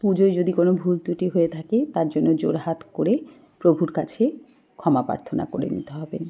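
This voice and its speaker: Calm devotional woman, dull lo-fi sound. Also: fairly low pitch, fairly quick, creaky. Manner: calm, devotional, explains each step while reciting Sanskrit mantras. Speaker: home puja video host. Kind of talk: step-by-step puja instruction with chanted mantras. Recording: dull lo-fi home recording.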